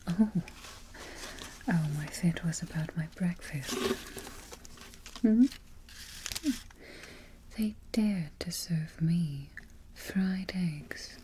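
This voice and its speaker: A woman playing an imperious, fussy, vain evil queen in a darkly comic ASMR roleplay, with a soft, breathy near-whisper, close to the microphone and haughty in her phrasing. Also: lowish voice, slight background noise. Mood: haughty, self-satisfied. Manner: deliberate, haughty, formal phrasing.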